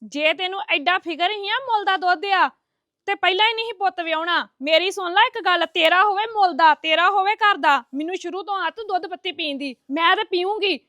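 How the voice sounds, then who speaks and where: A woman's voice: very high-pitched, fairly quick, sharp tone, no echo. A woman playing a defiant young woman who talks back to her elder.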